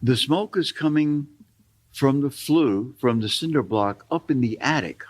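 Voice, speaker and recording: A man's voice: medium pitch, animated, unhurried. Folksy older man telling stories. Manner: rambling, folksy storytelling with asides. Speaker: storytelling guest. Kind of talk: casual storytelling on a talk show.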